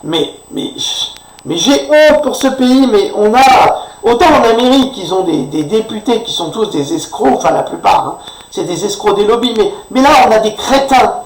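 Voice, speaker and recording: A man's voice: high-pitched, expressive, normal speed, a little hiss or hum. A man delivering an indignant, sarcastic political rant, often tagging his sentences with a questioning "hein", recorded far from the microphone in an echoey room. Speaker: commentator.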